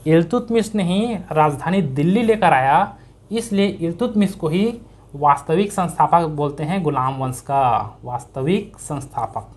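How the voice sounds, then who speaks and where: His voice is a little high and a little mellow, with lively intonation and a measured pace. Teaching exam-prep history in Chhattisgarhi-tinged Hindi, he talks conversationally, answers his own questions, and repeats key terms for emphasis.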